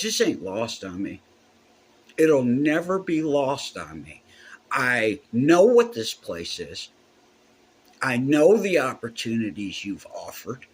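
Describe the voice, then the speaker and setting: A man's voice: mid-range voice, husky. A man, a musician telling a heartfelt, profane story in a casual way.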